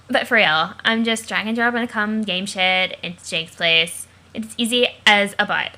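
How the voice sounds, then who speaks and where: A woman reading as a slangy, excitable teenage girl hacker who talks crudely and gushes. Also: medium pitch, measured pace. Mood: boastful. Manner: crude, gushing, slang-heavy. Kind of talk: webcomic reading aloud.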